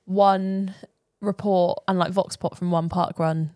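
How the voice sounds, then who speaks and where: A woman's voice: on the low side, flat delivery, takes it slowly, dark tone, no echo, clean studio sound. A British woman hosting a running podcast in casual chat, talkative and peppered with "like". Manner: chatty, uses "like" often. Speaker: podcast host.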